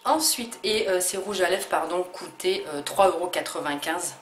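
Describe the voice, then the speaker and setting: Low-voiced woman, hesitant haul vlog. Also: normal speed, a little hiss or hum. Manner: hesitant, many fillers and restarts. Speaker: beauty vlogger. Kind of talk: casual haul video. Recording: echoey room with faint ambience.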